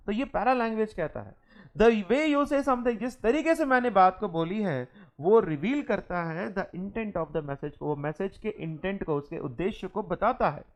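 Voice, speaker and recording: A young man. He reads each English line slowly and carefully, then explains it at an easy conversational pace. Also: sits high. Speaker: teacher. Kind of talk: classroom lecture.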